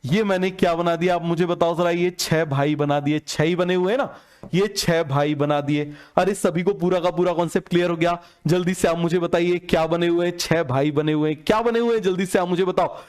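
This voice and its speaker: A male teacher giving a lively lesson, often asking listeners if they understood and acting out family conversations. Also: sits high, fast talker, hardly any pauses, smooth. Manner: keeps asking "samajh mein aa gaya?", quizzing listeners; acts out dialogue between father and son. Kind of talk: classroom lecture with acted-out stories.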